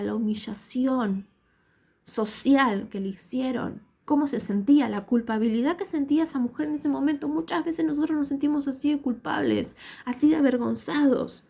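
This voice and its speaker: Rioplatense lady preaching, high pitched, kinda gravelly, keeps repeating for emphasis. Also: warm tone. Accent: Rioplatense Spanish. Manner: earnest, repetitive emphatic phrasing. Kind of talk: sermon.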